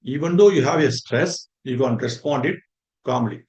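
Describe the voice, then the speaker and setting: A man's voice: mid-range voice, moderate pace, darkish tone. A man giving a faculty development lecture, earnest and repetitive, stressing points as very, very important and working through everyday examples. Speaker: resource person for a faculty development program.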